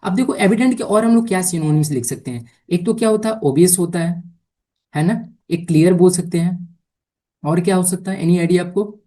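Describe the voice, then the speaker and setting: A woman teaching English vocabulary for exams, explaining patiently in Hindi mixed with English and often asking whether it is clear. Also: lowish voice, fairly quick, warm tone. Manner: mixes Hindi explanation with English words and sentences. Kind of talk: exam-prep vocabulary lesson.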